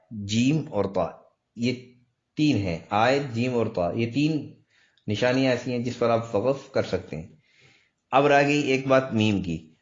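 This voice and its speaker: A man teaching a step-by-step recitation lesson, patiently explaining and repeating words, drawing them out to demonstrate. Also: medium pitch. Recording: dull lo-fi recording.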